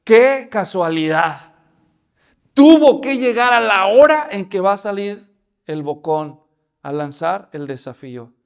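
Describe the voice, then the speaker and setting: A pastor preaching a sermon, telling the story in an animated way and addressing listeners as brothers. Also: male voice, high voice, slow pace, clear, resonant tone.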